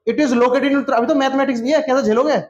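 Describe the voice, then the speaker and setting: A man's voice: extremely high pitch, steady tone, fast talker, highs cut off. A man teaching a classroom lesson, repeating answers over and over and quizzing students by name. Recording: echoey classroom.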